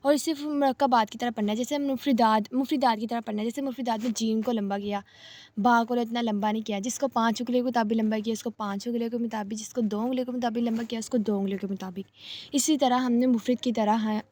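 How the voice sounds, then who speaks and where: A woman teaching a reading lesson step by step, patient and slow, repeating each rule. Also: a little high, darkish tone. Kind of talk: step-by-step Arabic letters lesson.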